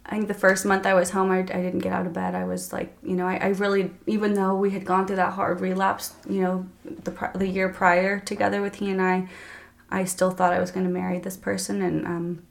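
A woman in her thirties, a podcast guest, earnestly telling her personal faith story in a halting, emotional way. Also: fairly low pitch, completely flat delivery, creaky. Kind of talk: candid personal faith testimony.

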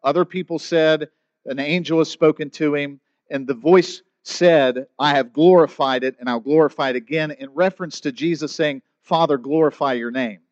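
A man's voice: on the high side, normal speed, dry recording. Conversational preaching man, dry dull sound. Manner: conversational preaching, acts out quoted voices. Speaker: pastor. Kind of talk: sermon.

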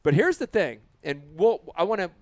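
A man's voice: high-pitched, very animated, moderate pace, dry recording. A man who hosts a fishing show, chatting casually and enthusiastically and repeating himself for emphasis. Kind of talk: casual group chat about fishing.

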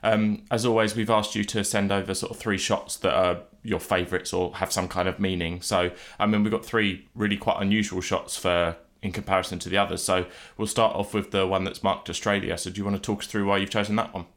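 A man's voice: low voice, steady tone, fairly quick, hardly any pauses, a bit bright. A man hosting a podcast in a casual, conversational interview style. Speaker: podcast host.

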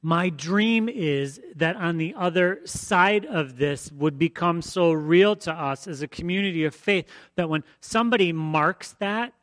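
A man's voice: high-pitched, fairly bright tone, no room sound. A man preaching a conversational sermon as pastor, emphatic and fond of repeating his phrases.

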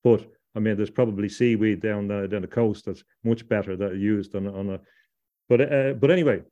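A man's voice: on the low side, normal speed, mellow, dull audio. A middle-aged man from Ireland, a podcast guest, talking at length in a discursive way, often repeating words and restarting his sentences. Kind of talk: discursive interview talk.

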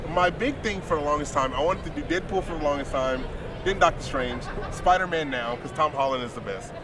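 A man with a slightly high voice chats casually as a podcast co-host, using loose, slangy phrasing. The busy convention hall is clearly audible as noise around him. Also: fairly quick. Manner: slangy and laid-back in wording. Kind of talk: casual chat. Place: busy convention show floor. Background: loud convention hall ambience.

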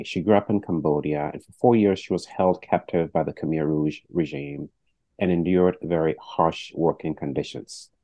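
A man's voice: low-pitched, dark tone, no echo. A man hosting a podcast interview, earnest and reacting often with "wow". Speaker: podcast host.

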